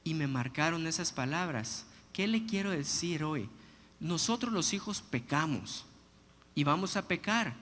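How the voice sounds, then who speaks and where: A man preaching a sermon, telling personal stories in an animated, humorous way. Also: fairly high pitch, unhurried. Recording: long hall reverb, faint background noise.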